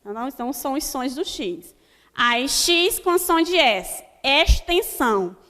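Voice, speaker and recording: High-voiced teacher woman in a reverberant room. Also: expressive, pushed and bright. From Brazil. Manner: slow, deliberate word-by-word dictation with frequent "né?" checks. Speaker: primary school teacher. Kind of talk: recorded online grammar lesson. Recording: long hall reverb.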